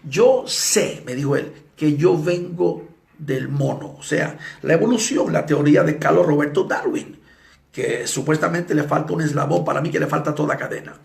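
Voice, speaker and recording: A male evangelist preaching a sermon, telling stories dramatically and acting out the people in them, sometimes with shouts. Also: a little high, moderate pace, vocal fry. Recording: echoey room.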